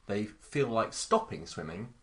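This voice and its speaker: A man's voice: fairly low pitch, big pitch swings, unhurried, fairly bright tone. A man co-hosting a podcast, joking and teasing the others in casual chat. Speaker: podcast co-host.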